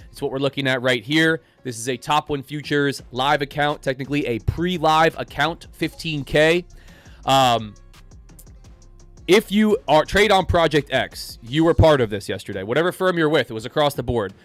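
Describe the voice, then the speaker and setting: A man's voice: on the high side, fairly bright tone. A man hosting a live day-trading stream, sick with a cold and sounding nasal, chatting casually and greeting viewers by name. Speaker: day trading livestream host.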